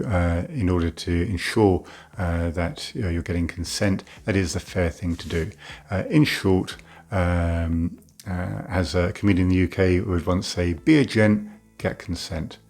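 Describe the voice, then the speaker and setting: A man with a deep, low-pitched voice gives a plain-spoken educational talk as a doctor. His tone has a gravelly, creaky texture, and he states things bluntly, padding the pauses with "uh". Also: darkish tone. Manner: frank, plain-spoken, many "uh" fillers.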